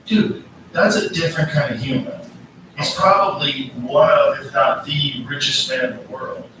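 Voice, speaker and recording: A man's voice: medium pitch, normal speed, recorded from a distance, noisy background. Profane, ranting man in an echoey room. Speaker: podcast host. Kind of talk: casual podcast chat.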